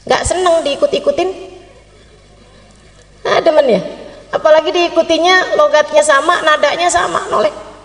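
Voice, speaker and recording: High-voiced woman preaching in a hall. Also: moderate pace, long pauses. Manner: lively, chatty storytelling with humorous asides. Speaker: female Islamic preacher. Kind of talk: storytelling sermon. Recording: reverberant hall.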